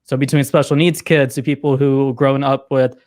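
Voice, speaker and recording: A man hosting a podcast, speaking earnestly and haltingly as he sets up a question for his guest. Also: mid-range voice, flat delivery, darkish tone. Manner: halting, earnest, many fillers and restarts. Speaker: podcast host. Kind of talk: conversational interview.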